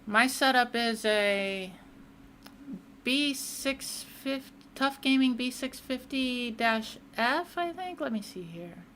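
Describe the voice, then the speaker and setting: A woman's voice: on the high side, slow pace, fairly bright tone, a little hiss or hum. A young woman live-streaming a racing game, chatting casually and answering viewers between laps. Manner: chatty, reads and answers chat mid-race.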